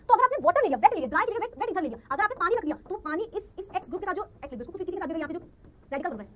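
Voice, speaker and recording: A young woman teaches a chemistry class online. Her voice is very high and lively, and her delivery is rapid-fire. She keeps asking her students rhetorical questions, over a faint hum in the background. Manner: rapid, animated explaining with frequent rhetorical questions.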